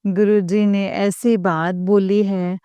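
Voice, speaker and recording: Slow, halting middle-aged woman giving a devotional talk. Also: medium pitch, flat delivery, dark tone, clean tone, no echo. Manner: slow, halting, with many pauses and fillers; earnest, keeps addressing the listeners. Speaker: devotee sharing experiences with followers.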